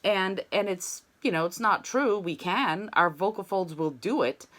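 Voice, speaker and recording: A woman gives an online singing lesson, speaking at a measured pace in a medium, slightly bright voice. She encourages her students and demonstrates sung scales on "ma," modeling the vowels.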